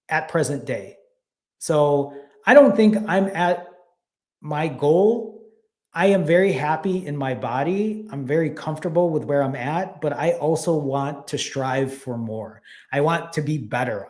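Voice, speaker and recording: A man's voice: on the high side, darkish tone. A man, casually hosting a live stream, reading viewer comments and thanking people by name, a little out of breath. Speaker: fasting channel host.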